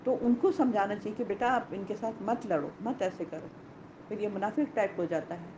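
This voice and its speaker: A woman teaching a Quran lesson to women, animated, asking rhetorical questions and repeating key points. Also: mid-range voice, muffled recording, noisy background.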